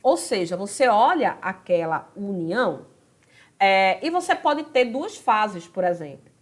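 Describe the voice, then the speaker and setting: Speaking unhurriedly at a medium pitch with big swings in intonation, a woman with a Brazilian Portuguese accent teaches grammar. The recorded video lesson is chatty and aimed right at her students, whom she checks in with often using tag questions.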